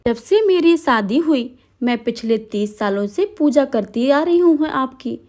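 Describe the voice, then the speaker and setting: A woman's voice: sits high, animated, a little slow, darkish tone. A woman voicing a grieving old mother who wails and pleads with the goddess for her son. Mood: pleading grief. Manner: wailing, pleading.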